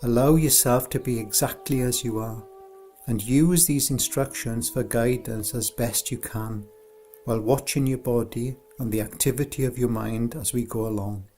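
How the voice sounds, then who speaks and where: Faint music plays behind a man narrating a scripted meditation as its instructor. His tone stays steady at a medium pitch, and his pacing is gentle, soothing and unhurried.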